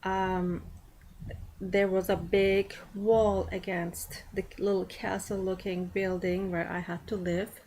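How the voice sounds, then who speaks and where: A woman giving a prepared personal speech to an audience in a class setting, speaking deliberately with frequent pauses and fillers. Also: mid-range voice, flat delivery, darkish tone, poor audio.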